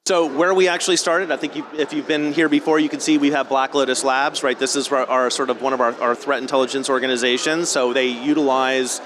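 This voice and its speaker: A man's voice: medium pitch, steady tone, a little fast, few pauses, noisy background. A man giving an informal technical presentation at a conference, conversational and often rephrasing himself mid-sentence. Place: live talk at a conference venue.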